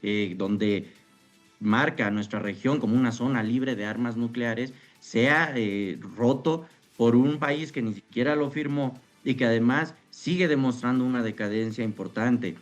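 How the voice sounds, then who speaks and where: A man giving live political analysis as a guest, in halting, deliberate phrases. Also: mid-range voice, highs cut off, soft background music. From Mexico. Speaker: interviewed political commentator.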